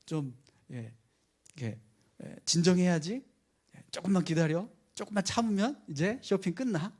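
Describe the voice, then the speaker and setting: A man voicing a patient elderly grandfather who talks soothingly in a lowered, softer voice. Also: lively intonation, normal speed.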